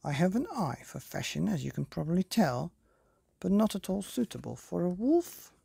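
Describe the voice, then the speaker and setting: A woman's voice: on the low side, big pitch swings, normal speed, creaky, mellow, slightly rough, no echo, clean studio sound, voice pushed up, full character voice. A woman voicing a vain, easily flustered fairy godmother in a storybook, prim and chattering. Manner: prim, chattering, self-absorbed.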